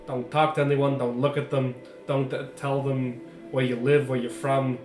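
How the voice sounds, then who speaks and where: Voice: mid-range voice, level tone, moderate pace. A player in a tabletop game making dry, wry jokes. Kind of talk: tabletop role-play chat. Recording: roomy sound with music behind.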